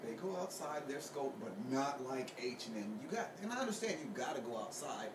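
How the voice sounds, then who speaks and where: A man's voice: medium pitch, big pitch swings, brisk. A man delivers an escalating comedic rant in casual conversation, recorded at a distance in an echoey room with noise behind him. He sounds exasperated and incredulous, swears freely and repeats his points for emphasis. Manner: slangy, profane.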